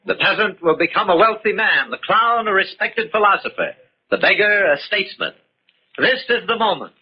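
An actor playing the master of ceremonies at a masquerade in a 1940s radio mystery, grandiose and declamatory. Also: male voice, high voice, big pitch swings, moderate pace, breathy edge, heavily acted. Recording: muffled 1940s radio recording.

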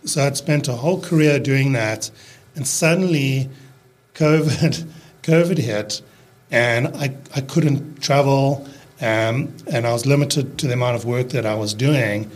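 A South African man in his fifties, whose accent is fading toward American, chats as a podcast guest about running his landscaping business. His mid-range delivery is relaxed but halting, full of fillers and restarts, in a casual conversational interview.

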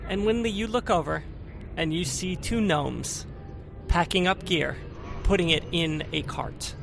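Man, game master, high-pitched, gravelly fry, fantasy game narration, music behind. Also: measured pace.

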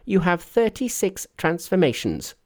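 A high, animated monkey trickster from a storybook. He is cocksure and cheeky, briskly ordering and scolding whoever he speaks to. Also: heavily acted.

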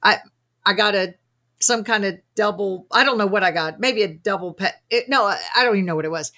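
A woman's voice: medium pitch, brisk, pushed and bright. A woman with a Southern accent from Arkansas, hosting a casual interview in a chatty, effusive, anecdotal way. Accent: Arkansas, American South. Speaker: podcast host, fasting coach.

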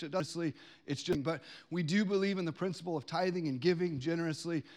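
A male pastor giving church announcements to a congregation in a chatty, informal way, with quick asides. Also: sits high. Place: church service before a live congregation.

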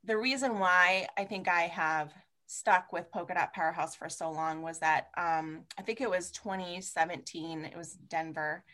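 A woman guest on an interview podcast, telling lively stories, swearing freely and laughing often. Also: on the low side, normal speed, few pauses. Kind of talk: casual interview chat.

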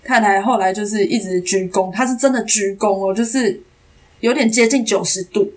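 A young Taiwanese woman, an actress guest on a podcast, telling a story in a casual, animated way and acting out the dialogue. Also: mid-range voice, moderate pace. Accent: Taiwanese Mandarin. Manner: animated, acts out quoted dialogue.

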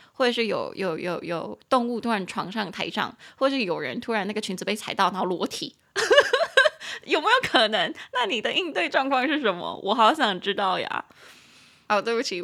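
Young female English-lesson host: playful, animated, slows down to drill words. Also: a little high. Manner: playful, giggly, spells and repeats English words slowly. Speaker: English teacher and podcast host.

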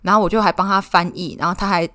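Quick, teasing Taiwanese woman podcast host. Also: on the low side, steady tone, bright, forceful tone. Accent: Taiwanese Mandarin. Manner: teasing, quick, laughs often. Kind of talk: casual chat.

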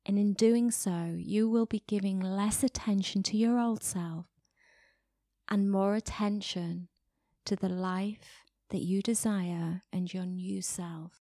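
A woman podcast host giving a slow, soothing guided meditation, sometimes dropping to a whisper. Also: medium pitch, steady tone, warm tone, dry recording, studio quality.

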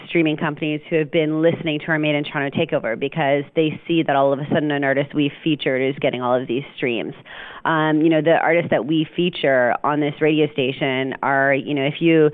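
Woman, radio program director, interview guest on a phone line. Low voice, chatty, upbeat, lots of fillers. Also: no echo. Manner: enthusiastic, chatty, frequent fillers. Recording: dry, tinny phone line.

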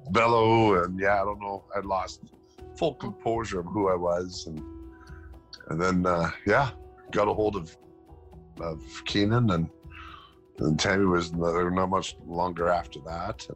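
A man's voice: low-pitched, a little slow, long pauses, faint music behind, poor audio. A middle-aged man recounting a family event in an interview, acting out the voices of the people he quotes. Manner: animated, acts out quoted dialogue. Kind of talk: emotional interview storytelling.

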